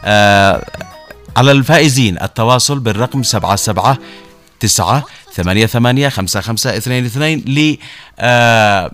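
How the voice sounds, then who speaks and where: A man with a Yemeni accent hosting a live radio quiz show in a hesitant, halting way. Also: mid-range voice, a bit bright. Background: music.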